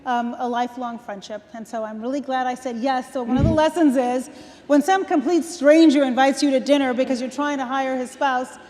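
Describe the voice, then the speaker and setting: A woman in her sixties, a guest on stage, telling stories from her life in a relaxed conversational way, laughing between points. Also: high voice, fairly quick. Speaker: guest speaker. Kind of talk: onstage conversation. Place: large event hall. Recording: long hall reverb.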